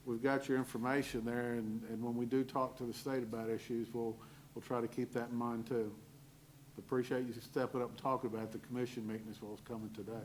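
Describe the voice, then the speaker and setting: This is a man chairing a public meeting in an easygoing, folksy way, pausing often and filling gaps with fillers. His voice sits at an ordinary middle pitch. Faint room noise hangs under the recording. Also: flat delivery, poor audio. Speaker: city official chairing a hearing.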